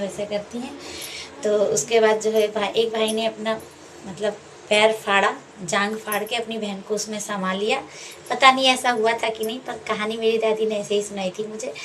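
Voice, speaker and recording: A woman telling a folk tale in a homely, conversational way, acting out the lines of the people and animals in it. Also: mid-range voice. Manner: homely, conversational retelling with acted dialogue. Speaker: storyteller. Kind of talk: casual folk tale narration. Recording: distant mic with faint background noise.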